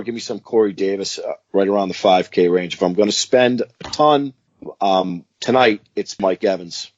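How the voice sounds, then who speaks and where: Male podcast co-host, husky, dry lo-fi sound, keen casual talker. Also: lowish voice, no echo. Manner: enthusiastic, repeats picks with "give me". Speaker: fantasy football co-host.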